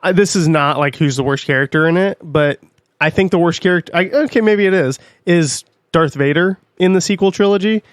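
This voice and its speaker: A man co-hosting a podcast in casual chat, rambling and swearing often with animated asides. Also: a little high, brisk, dry recording, clean studio sound. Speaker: podcast co-host.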